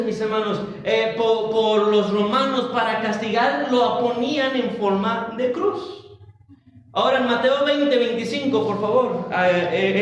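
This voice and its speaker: A man preaching a Bible study sermon as pastor, slow and halting, often restarting and turning to address his congregation. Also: extremely high pitch, a little hiss or hum. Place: church. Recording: roomy church hall, mic at a distance.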